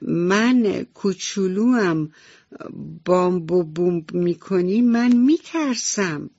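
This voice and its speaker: A woman voicing a timid, whiny little mouse child on a radio bedtime story, in a high childlike pleading voice. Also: animated, a little mellow, dry recording. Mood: scared. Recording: slightly dull radio recording.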